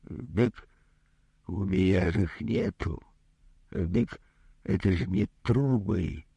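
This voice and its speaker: A man's voice: deep voice, expressive, slow, gravelly, mellow, slightly rough, no room sound, exaggerated voice. A man doing a plaintive bewildered plumber. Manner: plaintive, pleading. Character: tall timid male plumber, pleading and bewildered.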